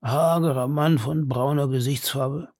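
A man putting on a slow, frail old man. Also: mid-range voice, steady tone, darkish tone. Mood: hesitant.

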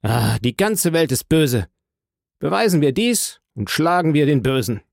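A man's voice: medium pitch, measured pace, vocal fry, a little mellow, no room sound. A man playing a stern state prosecutor who argues with dry firmness and feverish rhetoric. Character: stern, bitter male state prosecutor, fervent.

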